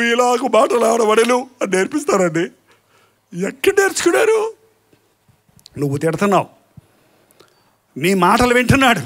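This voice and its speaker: Male pastor, live sermon, very high pitch, rhetorical and mocking. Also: fairly bright tone. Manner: rhetorical questions to the congregation, with mocking asides; slow, emphatic listing of sins.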